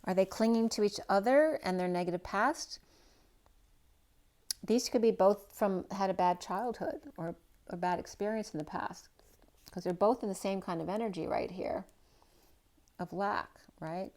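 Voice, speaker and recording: A woman with a mid-range, darkish voice gives a general tarot reading for a star sign. She rambles loosely, piling up possibility after possibility and thinking aloud with frequent "right?" asides.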